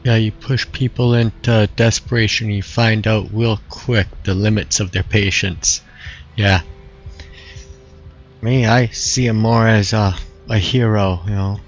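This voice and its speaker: A man with a lowish voice talks casually over his gameplay in a relaxed, musing way, often circling back and restarting his thoughts. The sound is dull and lo-fi, as if from a modest home mic. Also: a little slow, soft background music. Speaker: streamer.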